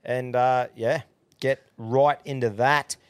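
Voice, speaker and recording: A man's voice: medium pitch, steady tone, slow pace, clear, resonant tone, no room sound. A man with an Australian accent co-hosting a casual podcast, talking in a laid-back, sweary, blokey tradesman manner. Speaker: podcast co-host. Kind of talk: casual banter between mates with sponsor reads.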